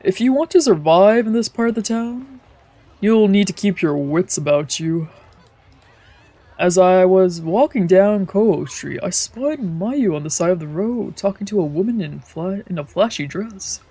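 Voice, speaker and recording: In a dry recording, a woman reads a visual novel aloud on stream in a mellow, mid-range voice with a breathy edge, lively intonation, and an unhurried pace. Faint game music plays as she occasionally trips over lines and breaks off for playful, offhand comments.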